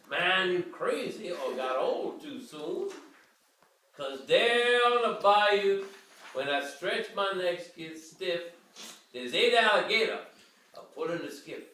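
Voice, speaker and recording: An older man sits in a living room armchair giving a theatrical bedtime reading of a verse story in Cajun dialect. His voice is high-pitched, bright and forceful, captured in a roomy home recording by a handheld camera a few metres away.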